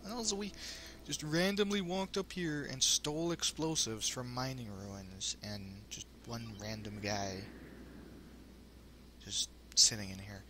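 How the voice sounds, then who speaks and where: A man's voice: mid-range voice, measured pace, few pauses. A man hosting a let's play with casual, wry commentary that rambles into asides. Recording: home commentary with faint noise.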